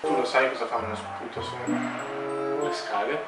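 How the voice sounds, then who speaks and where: A man's voice: mid-range voice, unhurried. A man in his twenties joking casually and often breaking into laughter. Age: 20s. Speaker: contestant in a joke challenge. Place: home kitchen-dining room, indoors. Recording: echoey room, slightly distant, music behind.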